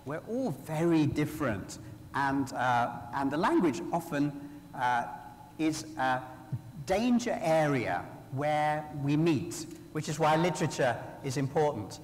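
Man, Sri Lankan accent, fairly high pitch, humorous storyteller, measured punchline pauses, long hall reverb. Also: expressive. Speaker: author speaking at a conference. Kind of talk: humorous anecdotal public talk. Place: large hall, live talk to an audience.

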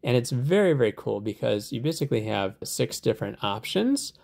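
A man hosting a software tutorial, explaining steps in a relaxed, conversational way with lots of fillers. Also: mid-range voice, a little fast, creaky. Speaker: tutorial host.

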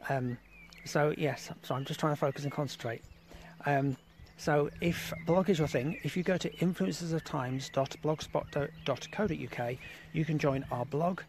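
An English man hosts a live exploring broadcast outdoors at an abandoned rail site, rambling casually with restarts and repeated fillers in a live-stream monologue. His voice is on the high side, and the poor audio carries a little hiss or hum.

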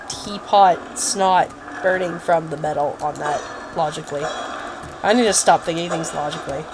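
Girl narrating her gameplay, chatty and jokey, lots of hiss behind her. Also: fairly low pitch. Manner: chatty, jokey, exclaims and mutters to herself. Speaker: let's play gamer. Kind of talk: casual gameplay commentary.

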